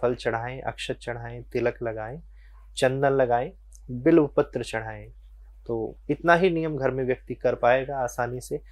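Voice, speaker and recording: A man's voice: mid-range voice, moderate pace, a little mellow, no echo. A man working as a spiritual teacher, patiently explaining worship rules in an interview and weaving in devotional stories.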